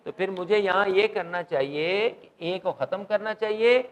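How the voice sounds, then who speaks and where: Male English teacher, high voice, classroom grammar lecture, keeps quizzing students. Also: poor audio. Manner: quizzes students, mixes English terms into Urdu.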